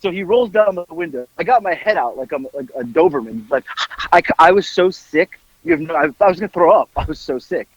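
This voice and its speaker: Guy telling a wild story, highish voice jumping all over, dull dry lo-fi sound. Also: sing-song, brisk, gravelly, no echo. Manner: acts out quoted voices with big jumps up into yelps. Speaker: podcast host telling stories. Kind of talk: animated storytelling.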